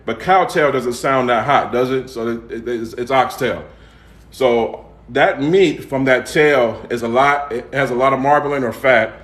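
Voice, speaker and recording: A man with a Southern US accent chats casually as the host of a home cooking livestream. His voice sits at a medium pitch, and he talks in a folksy way, repeating points and checking in with little tag questions. The sound is noticeably echoey, as from a room. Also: fairly bright tone. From United States, raised in Atlanta. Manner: folksy, repeats himself and tags phrases with "okay?" and "all right?". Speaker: home cook and seasoning seller hosting a livestream.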